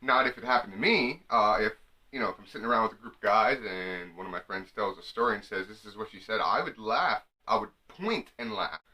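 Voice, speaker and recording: Young guy doing a jokey advice bit to camera, bright voice, pitch bouncing everywhere. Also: brisk. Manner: animated, jokey, slips into mock women's voices. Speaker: comedy vlogger. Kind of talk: comic advice monologue to camera.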